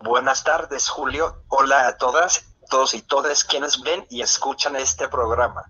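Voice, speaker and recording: A man's voice: mid-range voice, steady tone, unhurried, pushed and bright, husky, dull audio. A male synthesized voice, like an old speech synthesizer, reading a prepared speech in a robotic, formal way.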